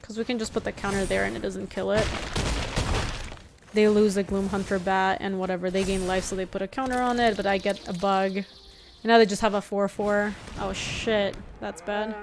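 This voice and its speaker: A young Ecuadorian woman, a native Spanish speaker, chats casually while streaming a card game, reading her chat aloud with quick reactions and laughs. Her mid-range voice is creaky with fairly even intonation, and soft music plays in the background.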